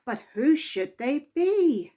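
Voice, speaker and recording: A woman with a high voice reads a children's story aloud, expressive and deliberate, stretching out key words for emphasis.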